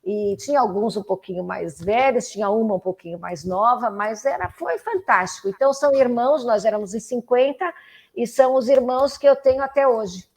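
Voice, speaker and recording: Brazilian-accented woman, 50s, podcast guest; lively storyteller who restarts often. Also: fairly high pitch, fairly quick. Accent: Brazilian Portuguese. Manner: animated storyteller, many restarts and fillers. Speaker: interview guest, political activist. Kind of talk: casual conversational interview.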